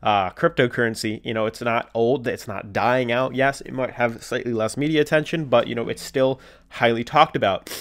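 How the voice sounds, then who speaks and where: A man with a mid-range, slightly bright voice, fairly even intonation and normal speed hosts a casual cryptocurrency video, sounding congested from a cold. Offering casual market commentary to camera, he talks loosely with lots of fillers and reads articles aloud.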